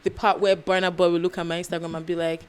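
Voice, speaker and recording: A young woman from Nigeria with a Nigerian accent, co-hosting a casual chat podcast, animated and laughing, slipping into pidgin. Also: on the low side, fast, clear, resonant tone. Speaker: podcast co-host.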